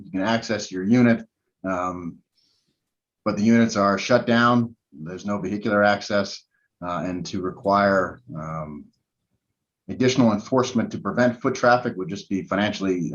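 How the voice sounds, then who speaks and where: A man's voice: fairly low pitch, fairly bright tone. A man answering questions for the respondent at a hearing, hesitant and full of ums and restarts. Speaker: respondent's representative. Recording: muffled lo-fi audio.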